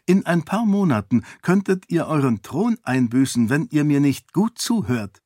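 Guy doing a cool confident young princess, raised pitch, frank and sharp, dry sound. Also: sing-song, normal speed, slightly rough, no room sound. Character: bold sharp-witted young princess, self-assured.

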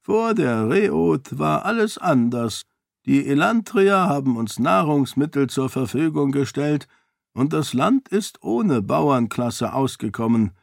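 A man voicing an aged, dignified duke who speaks in a measured, commanding way. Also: a little high, very animated, creaky, no room sound, studio quality, voice pushed up, full character voice. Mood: stern measured.

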